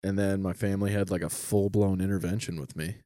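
A man telling a personal story in casual chat, animated, with many "like"s and frequent laughs. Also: low-pitched, a little fast, no echo, clean studio sound. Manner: animated, lots of "like", laughs often.

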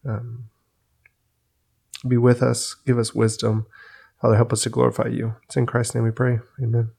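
A man leading a spoken prayer in an earnest, halting way, pausing often with fillers. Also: mid-range voice, monotone, vocal fry, mellow, breathy edge.

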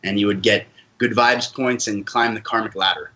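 A man from Canada speaks as a podcast guest. His voice is bright and forceful, a little low in pitch, and he tells his story in an earnest, reflective way. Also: steady tone, normal speed, highs cut off. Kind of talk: casual interview storytelling.

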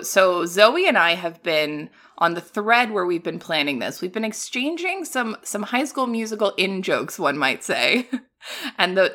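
A woman co-hosting a podcast in casual, playful chat, quick with jokes. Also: mid-range voice, sharp tone. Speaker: podcast co-host. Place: home recording setup.

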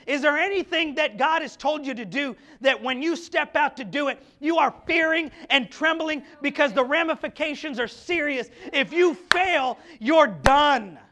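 A male pastor preaching an impassioned sermon to his congregation, full of rhetorical questions and quick stammered restarts. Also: extremely high pitch, pushed and bright. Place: church sanctuary.

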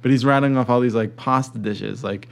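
A man's voice: mid-range voice, steady tone, a little fast, vocal fry. A man hosting a casual comedic commentary chat, talking informally and joking. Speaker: show host.

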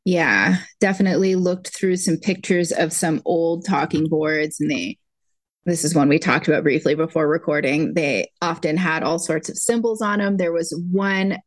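A woman with a lowish voice talks through history in a measured, conversational way, as one half of a relaxed chat. Her voice is recorded dry and close. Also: no echo. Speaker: podcast co-host. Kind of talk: casual chat.

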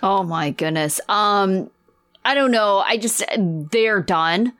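A woman co-hosting a podcast, chatting casually and thinking out loud. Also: mid-range voice, takes it slowly, clean tone, soft background music. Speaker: podcast co-host. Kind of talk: casual chat.

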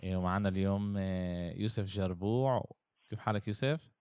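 A man with a Palestinian Arabic accent hosting a casual sports podcast, often pausing on fillers between short phrases. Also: low voice, darkish tone, smooth, dry recording. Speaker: podcast host.

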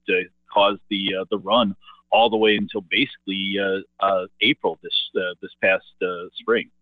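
Halting man over a tinny phone line. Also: fairly low pitch, dry recording. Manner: halting, full of "uh" fillers and restarts. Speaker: market analyst guest. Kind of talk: radio market commentary.

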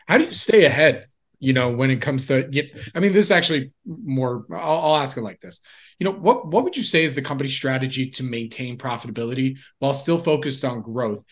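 A man's voice: mid-range voice, expressive, fairly quick, a bit bright. A man hosting a conversational business podcast interview, informal, rephrasing as he goes.

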